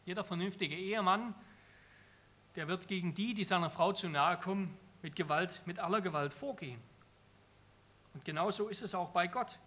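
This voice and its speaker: A man's voice: high voice, moderate pace, bright, forceful tone. A man preaching an earnest sermon on a psalm, emphatic and often repeating phrases for stress.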